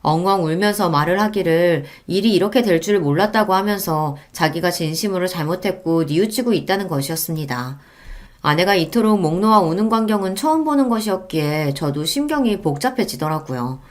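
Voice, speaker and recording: A woman calmly reading a scripted first-person story as narrator. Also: fairly low pitch, fairly quick. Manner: calm, even storytelling.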